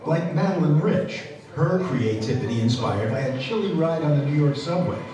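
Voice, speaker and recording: A male reporter narrating a news feature in a measured, crisp way. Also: on the high side, animated, a crowd in the background. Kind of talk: scripted narration. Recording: echoey, distant, noisy.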